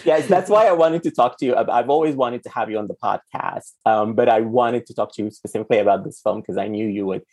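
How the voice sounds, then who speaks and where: A man from Sudan with a slightly husky voice, hosting a conversational film podcast. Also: medium pitch, fast talker, few pauses, darkish tone. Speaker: podcast host.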